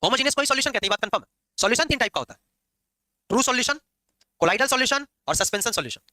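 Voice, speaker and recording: A man teaching chemistry in a classroom lecture, lively and teasing his students as he explains. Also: very high-pitched, racing, no echo. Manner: lively, scolding and joking with students.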